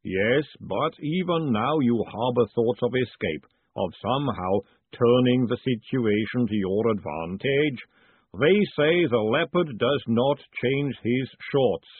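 A man voicing a calm, literal-minded male clay golem with a slow, rumbling, formal way of speaking. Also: slightly rough, no echo. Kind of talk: audiobook narration. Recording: dry, phone-like narrow band.

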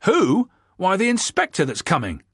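A man voicing an eager, argumentative male convict who speaks in an excited, raised voice. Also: moderate pace, breathy edge, no echo, studio quality, exaggerated voice. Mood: heated, indignant. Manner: excited, high-pitched and loud.

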